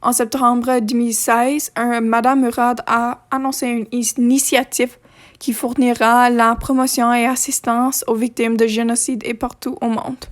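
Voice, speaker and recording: Female video presenter, fairly high flat voice, non-native French accent, halting scripted narration with casual asides. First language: not French; French is a third language.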